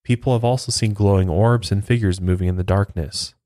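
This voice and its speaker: Guy with a lowish voice telling a ghost story, chatty asides, super dry close mic. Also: fairly even intonation, brisk, mellow, dry recording. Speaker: storyteller host. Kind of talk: casual spoken storytelling.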